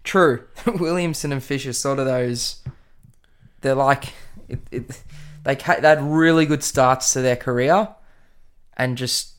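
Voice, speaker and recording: A man's voice: mid-range voice, measured pace, clear, resonant tone. A man with an Australian accent hosting a casual football podcast, speaking in a laid-back, colloquial, blokey way. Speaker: podcast host.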